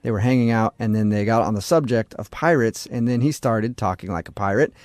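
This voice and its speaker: A man's voice: lowish voice, brisk, darkish tone, no echo. A male morning radio host, playful and teasing, interviewing callers.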